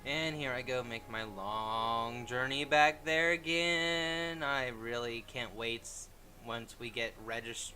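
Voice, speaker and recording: Bright-voiced man giving casual game commentary. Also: medium pitch, fairly even intonation, takes it slowly, few pauses. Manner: informal, thinking aloud. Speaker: gamer hosting a walkthrough.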